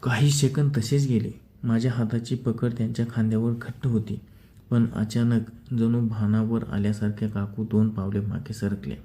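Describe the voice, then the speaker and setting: A man narrating a first-person story in a measured, steady reading style. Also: fairly low pitch.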